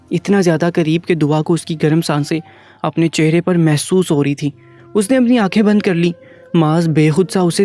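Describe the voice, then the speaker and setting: A man narrating a romantic novel in a steady, even storytelling manner. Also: high voice. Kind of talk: audiobook novel reading.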